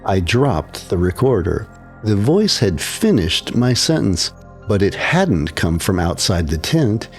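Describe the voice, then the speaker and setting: A man narrating a horror story as scripted narration, in a slow, hushed and suspenseful way. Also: on the low side, big pitch swings, faint music behind.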